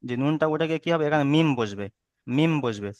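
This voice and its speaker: A man's voice: fairly high pitch, expressive, fast, no room sound, muffled recording. A man teaching Quran recitation rules online, patiently repeating each rule and checking that students understand. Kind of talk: online tajweed lesson.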